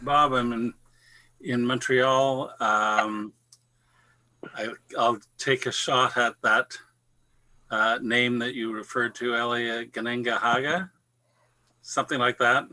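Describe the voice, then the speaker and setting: A man introduces himself on a video call, slow and full of fillers. His voice is strikingly bright and forceful. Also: medium pitch, steady tone. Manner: hesitant, halting, many fillers. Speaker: participant.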